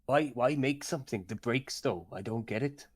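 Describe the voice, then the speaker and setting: A man's voice: mid-range voice, normal speed, dry recording, natural voice. A man doing a dim Welsh orc. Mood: puzzled. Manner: blunt, rambling, puzzled questions. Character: big dim-witted male orc, blunt and clumsy.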